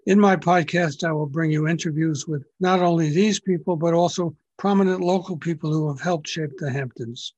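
Older man, podcast host, husky voice, a bit high for a man, interview questions. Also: normal speed, hardly any pauses, darkish tone, lo-fi sound. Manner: scripted introduction then conversational questions.

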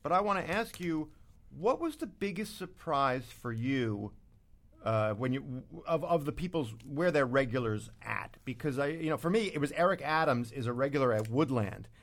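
A man's voice: mid-range voice, expressive, normal speed. A man hosting a radio show in a brash, joking, emphatic manner. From Brooklyn. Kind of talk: radio talk and live ad reads.

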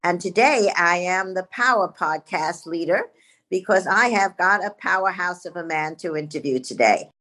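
A woman's voice: lowish voice, moderate pace, sharp tone. A woman hosting an interview podcast, introducing her guest and asking questions. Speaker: podcast host, media company president.

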